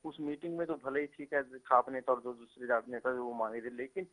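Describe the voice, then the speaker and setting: A male field reporter phoning in a news update, talking quickly and loosely from the scene. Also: medium pitch, flat delivery, fairly bright tone. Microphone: phone line. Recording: tinny phone line.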